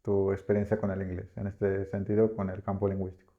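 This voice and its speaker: A man from Spain hosting a podcast, asking questions in a measured, casual way. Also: low voice, monotone. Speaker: podcast host. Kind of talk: casual interview. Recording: dull lo-fi sound.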